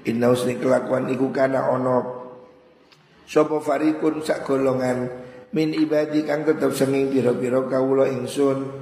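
A middle-aged man with a Javanese accent teaching a classical religious text, chanting scripture slowly and explaining it in a sermon. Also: mid-range voice, steady tone, a little mellow. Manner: slow deliberate, chants Quranic verses. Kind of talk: traditional kitab study sermon. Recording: echoey hall with long reverb.

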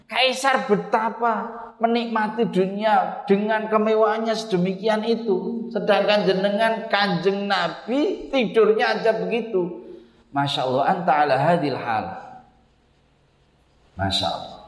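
A man's voice: high-pitched, unhurried. A man with a Javanese accent teaching a religious text study, explaining terms aloud and mixing recited Arabic with casual local asides. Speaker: Islamic kitab teacher. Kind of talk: religious kitab study lesson. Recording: echoey hall with long reverb.

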